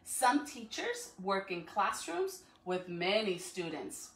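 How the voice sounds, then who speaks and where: A school educator reads aloud to children on a livestream from her living room, encouraging them and asking them questions. Her medium-pitched, slightly bright voice moves slowly with big pitch swings. A phone or camera a few feet away captures echoey, distant sound.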